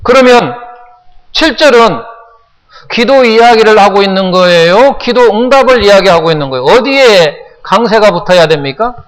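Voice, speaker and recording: A Korean pastor preaching a sermon, often putting questions to the congregation and repeating phrases for emphasis. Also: male voice, high-pitched, lively intonation, normal speed, long reverb tail, low-quality recording. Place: church sanctuary.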